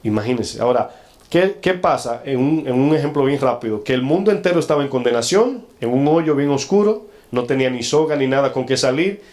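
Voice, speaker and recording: A man's voice: mid-range voice, lively intonation, a little fast, a little mellow. A male pastor preaching a sermon to a congregation. He often asks the listeners questions and acts out quoted lines in a changed voice.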